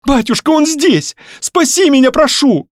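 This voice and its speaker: A man's voice: lively intonation, a little fast, no echo, studio quality. Man voicing a tearful young noblewoman. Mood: tearful, pleading. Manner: high pleading voice, near tears.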